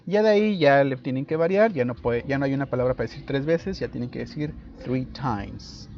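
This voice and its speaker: A man's voice: mid-range voice, a little fast. A man teaching an English lesson, explaining grammar casually and switching between two languages. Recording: dull lo-fi audio.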